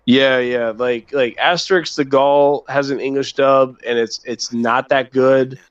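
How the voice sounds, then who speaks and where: A man's voice: mid-range voice, steady tone, measured pace, clear, resonant tone, dull audio. A man co-hosting a casual gaming chat, rambling and thinking aloud as he talks. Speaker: co-host.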